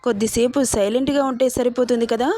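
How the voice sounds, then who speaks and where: A woman's voice: a little high, fairly even intonation, quick pace, dark tone, no room sound, natural voice. A woman reading a calculating, persuasive older sister.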